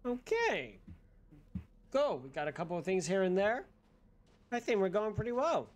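A young man with a high voice streams a video game from a small room. His commentary is casual, sarcastic and full of swearing. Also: sing-song, normal speed. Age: young adult. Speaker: gaming streamer. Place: small bedroom-like room indoors.

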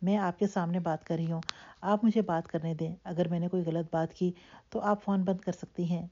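A woman narrator voicing a young woman who speaks calmly and firmly to her family, on a dull lo-fi recording. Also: on the low side, a little hiss or hum, close to an everyday voice. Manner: calm, firm, then helpless.

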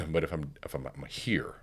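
A middle-aged man with an extremely deep, resonant baritone carrying a breathy edge speaks calmly in a conversational podcast interview. Like a trained speaker coach, he spaces his ideas with deliberate pauses. He sits in a studio with a curtained backdrop, wearing headphones, close to a stand-mounted studio microphone.

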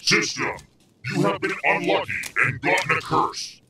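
A man's voice: on the high side, normal speed, lightly acted. A man voicing an impersonal game system that makes ominous scripted announcements. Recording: very echoey, distant, noisy with clicks.

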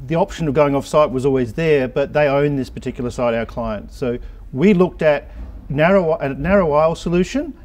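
A man in his fifties, a consultant, explains things in a measured way during an interview in a warehouse, with a lapel mic. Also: on the high side, darkish tone. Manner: measured, explanatory, some hesitant restarts. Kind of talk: on-site interview. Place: large indoor warehouse.

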